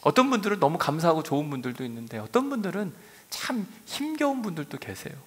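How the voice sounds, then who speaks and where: A middle-aged male pastor preaching a sermon, telling stories with lively swings between soft asides and raised emphasis. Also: a little high, quick pace, slightly rough. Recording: long hall reverb.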